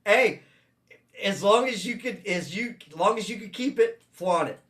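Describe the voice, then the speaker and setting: A man hosting a casual late-night talk stream in a relaxed way, reading out viewer comments. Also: high voice, normal speed. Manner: relaxed, reads viewer chat aloud. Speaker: host.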